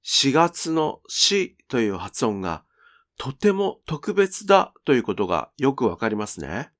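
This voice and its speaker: Guy teaching pronunciation, talks real slow and careful, voice goes up and down a lot. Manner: slow, clear, teacherly with lively pitch. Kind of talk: scripted lesson narration.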